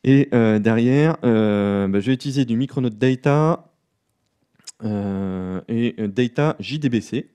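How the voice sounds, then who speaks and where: A man giving a live coding talk at a conference, relaxed and self-deprecating, with many fillers. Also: mid-range voice, measured pace, clear, resonant tone. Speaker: conference speaker. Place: conference room.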